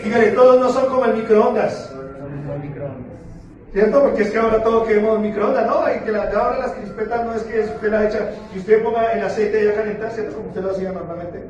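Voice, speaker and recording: A man preaching a sermon as pastor, playful and questioning, slowing down for emphasis. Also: high voice, fairly even intonation, darkish tone, muffled recording, slight background noise. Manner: playful, asks the congregation questions, slows down for emphasis. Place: church sanctuary. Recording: very echoey church hall, far from the mic, with music behind.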